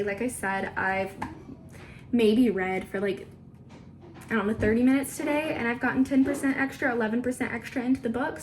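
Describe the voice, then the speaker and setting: A woman with a somewhat high voice chats casually to her viewers. She talks as a book vlogger sharing an informal update. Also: slight background noise. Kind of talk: casual chat to camera.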